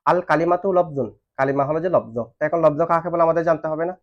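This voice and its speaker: Male teacher, quick and slightly high, drilling students with questions; lo-fi recording. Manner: asks questions and has students answer back. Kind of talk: classroom lesson on Arabic grammar. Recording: dull lo-fi recording.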